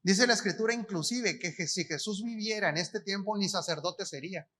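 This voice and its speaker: A man with a Mexican accent preaching at a conference, his voice high and bright. He speaks colloquially and keeps putting questions to the crowd and answering them himself. The delivery is sharp and lively. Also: brisk. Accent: Mexican Spanish. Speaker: apostle preaching. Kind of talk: conference sermon.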